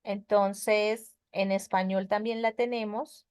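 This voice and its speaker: This woman speaks slowly in a mid-range voice with little pitch movement, and her tone is darkish, clear, and resonant; the recording is dry and studio quality. She patiently takes her online English grammar class through each step, asking many questions to confirm understanding.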